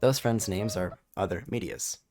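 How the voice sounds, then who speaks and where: A man's voice: on the low side, normal speed, a little mellow, soft background music. A man narrating a comedic video essay, sarcastic and jokey, full of rhetorical questions.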